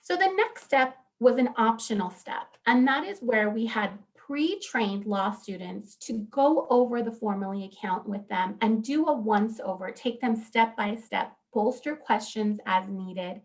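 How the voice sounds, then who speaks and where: Earnest woman presenting, gravelly edge. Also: a little high, a little slow, hardly any pauses. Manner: animated, earnest, with frequent fillers. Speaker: law professor and panelist. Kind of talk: conference panel presentation.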